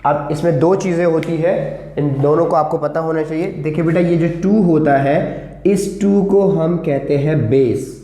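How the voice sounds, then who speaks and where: A man teaching maths, explaining slowly and repeating himself as he switches between English and Hindi. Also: a little high, mellow. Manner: slow, repetitive explaining, calls students beta. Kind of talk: classroom lesson mixing English and Hindi. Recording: echoey room.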